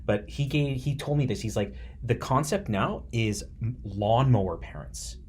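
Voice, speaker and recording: Guy hosting a podcast, mid pitch, super chatty and excited, says like a lot, faint hiss. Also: moderate pace. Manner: enthusiastic, chatty, lots of "like" and restarts. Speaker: podcast host, teacher. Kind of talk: casual interview chat.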